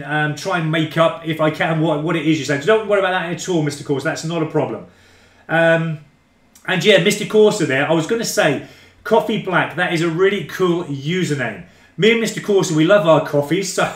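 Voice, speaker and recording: A man hosting a gaming live stream, chatting loosely and reading out viewer comments, calling them mate and guys. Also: fairly high pitch. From England. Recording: roomy echo.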